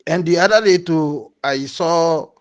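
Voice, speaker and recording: Guy on a voice note, talks real slow, preachy, keeps repeating himself. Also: fairly high pitch. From Ghana. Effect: recorded voice message played back. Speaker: caller sending a voice note.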